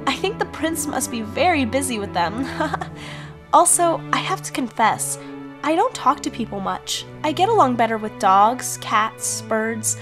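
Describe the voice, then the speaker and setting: A woman's voice: sits high, very animated, a little slow. A woman voicing a sweet, timid young fairy-tale heroine with a melancholy streak. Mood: shy, earnest. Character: sad, sweet, shy young Cinderella. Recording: music behind the voice.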